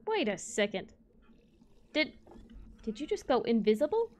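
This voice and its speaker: A young woman talks through her game in a casual let's play, explaining to viewers and coaxing her cows along. Her voice sits slightly high, and she breaks into playful exclamations and chatty asides. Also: very animated, a little slow, darkish tone. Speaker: gaming channel host.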